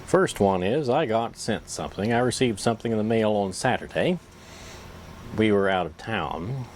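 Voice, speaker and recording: A man's voice: on the low side, lively intonation, moderate pace, darkish tone, slight background noise. A man chatting casually to camera in a folksy, rambling, self-deprecating way, as if with a pipe in his mouth. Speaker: pipe-smoking YouTube vlogger.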